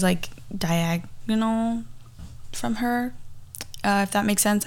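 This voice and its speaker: Chatty young woman podcasting from a garage. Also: medium pitch. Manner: chatty and rambling, frequently backtracking. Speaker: podcast host. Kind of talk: casual personal storytelling podcast. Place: recorded in a garage.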